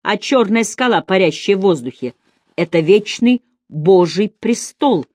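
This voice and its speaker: A woman's voice: mid-range voice, lively intonation, measured pace, a little mellow, no echo. A woman reading a stern male physician who speaks in a solemn, commanding way.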